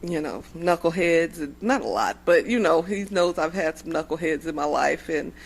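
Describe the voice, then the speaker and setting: A woman's voice: low-pitched, lively intonation, moderate pace, gravelly, rough recording. A woman co-hosting a podcast, chiming in supportively during a casual conversation with her husband. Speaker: podcast co-host.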